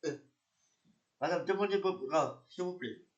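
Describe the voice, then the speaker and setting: A man's voice: fairly high pitch, a little slow, muffled recording. Hesitant man in an echoey room. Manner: hesitant, repetitive, many fillers. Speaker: narrator and police officer. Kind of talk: amateur reenactment of police patrol.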